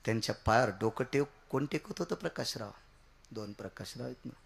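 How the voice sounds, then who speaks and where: A man preaching a devotional kirtan sermon, swinging from shouted high outbursts to low quiet asides. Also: expressive, brisk, gravelly, slightly rough.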